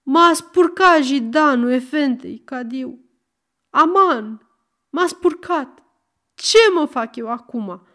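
A woman's voice: mid-range voice, animated, a little mellow, natural voice. A woman voicing an honest male trader who pleads and laments in a flustered voice. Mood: pleading.

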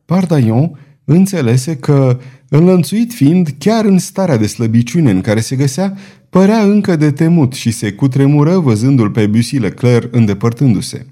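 Un bărbat care citește expresiv și dramatic o carte audio, ca narator. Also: male voice, medium pitch, lively intonation, warm tone. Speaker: narrator. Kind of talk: audiobook narration.

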